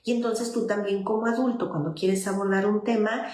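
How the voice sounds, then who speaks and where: A woman speaks as a child psychologist, explaining things patiently to parents in an informal live talk. She slips into short, gentle dialogues of a parent speaking with a child. Her voice carries a noticeable echo from the room. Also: medium pitch, fairly even intonation, a little fast.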